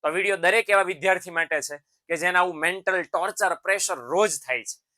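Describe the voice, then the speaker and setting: A man's voice: sits high, fairly quick, sharp tone. A man giving a motivational lesson to students. He talks in a fatherly way, calls them his sons and keeps checking in with tag questions. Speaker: teacher.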